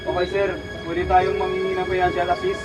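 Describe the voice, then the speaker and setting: A man acts out a police negotiator who stays polite and soothing while he coaxes an armed man to calm down. His voice sits a little high, and music plays loudly behind him. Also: brisk, close to an everyday voice. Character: calm police officer negotiating with a hostage taker. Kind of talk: amateur student film acting.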